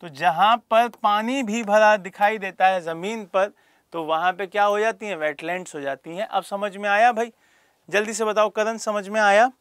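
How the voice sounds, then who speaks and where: High-voiced male teacher quizzing his class. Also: steady tone, moderate pace, a bit bright, smooth, no echo, clean studio sound. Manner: asks students rhetorical questions and calls on them by name. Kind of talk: classroom lecture for exam prep.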